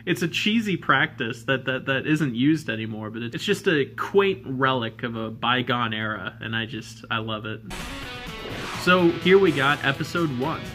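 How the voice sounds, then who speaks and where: Bright-voiced joking male reviewer. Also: medium pitch, expressive, faint music behind. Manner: wry, joking, quick asides. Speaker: retro game and cartoon reviewer. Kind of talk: comedic review commentary.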